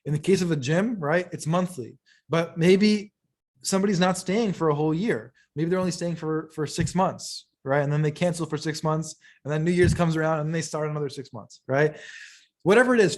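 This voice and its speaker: A man coaching business owners in a lively teaching talk, often checking in with "right?" and "okay?" and restarting phrases as he goes. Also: on the high side. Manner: stumbles and restarts mid-phrase.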